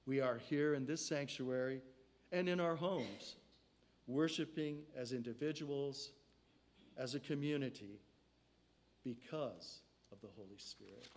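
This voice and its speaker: An older man delivers a sermon from a lectern in a church sanctuary. He speaks in slow, measured phrases, and his voice sinks and softens at the close of each line. He is picked up by a stand mic in the sanctuary. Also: mid-range voice. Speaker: preacher.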